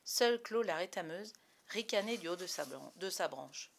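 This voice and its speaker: A woman reading a children's story aloud with a lively, expressive delivery. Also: on the low side, moderate pace, creaky, a little hiss or hum.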